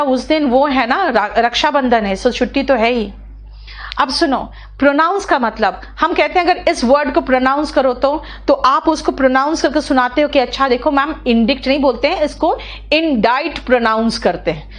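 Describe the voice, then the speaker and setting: A woman with a high voice runs a live online English class. She explains legal words in Hindi mixed with English terms, talking quickly and chattily and repeating key words as she goes. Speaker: English teacher.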